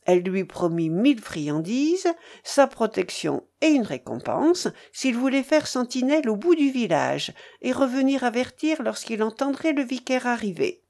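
A woman reading a novel aloud as narrator, in measured, expressive storytelling. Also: fairly high pitch, creaky. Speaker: reader.

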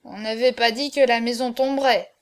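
Woman doing a drunk young nobleman, stammering, babbling, high and loud. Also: fairly even intonation, moderate pace, natural voice.

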